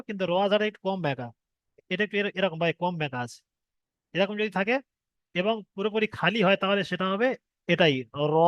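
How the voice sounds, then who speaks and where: This Quran reading teacher from Bengal has a high-pitched, slightly bright voice, captured in a dry recording. During his online Arabic letters lesson, he goes over each point patiently, elongates sample sounds, and asks if his students keep up.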